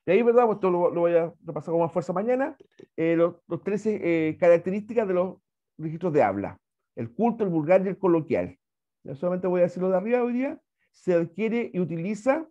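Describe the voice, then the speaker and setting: A man's voice: on the high side, mellow, dull audio. A Chilean man teaching an online language class, chatty and repetitive, often checking in with "¿ya?". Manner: chatty, repeats words, asks "¿ya?" often.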